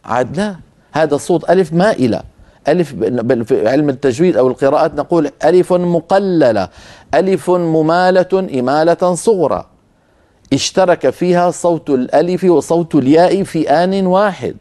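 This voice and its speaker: A man gives a recorded lecture on Quran recitation, sounding out each letter slowly and again and again. His voice sits fairly high but has a mellow, warm tone. He talks straight to his listeners as his brothers and sisters. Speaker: tajweed teacher. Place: filmed lesson with a camera crew.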